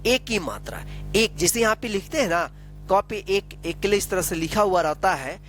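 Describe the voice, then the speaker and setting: A man's voice: sits high, animated, a bit bright, slight background noise. Patient man teaching a lesson. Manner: repetitive, asks questions and answers them himself; slow, patient explaining with frequent tag questions.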